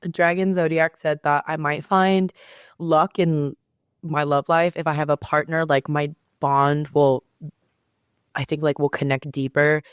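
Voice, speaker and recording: A young woman co-hosting a casual chat podcast, playful and teasing, jumping in with quick reactions. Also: low-pitched, fairly even intonation, clean tone, dry recording, studio quality. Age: young adult. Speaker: podcast co-host.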